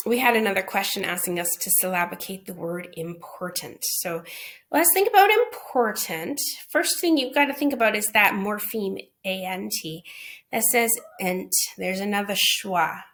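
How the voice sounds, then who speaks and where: A woman's voice: mid-range voice, animated, normal speed, a bit bright. A woman answering teachers' questions in a recorded phonics lesson, explaining patiently and checking in with "okay?" and "right?".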